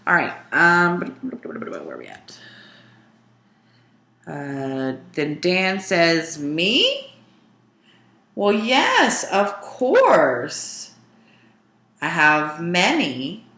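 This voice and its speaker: A woman's voice: deep voice, pushed and bright, reverberant. A woman teaching a sign language lesson, explaining grammar step by step and glossing example sentences. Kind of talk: casual teaching walkthrough.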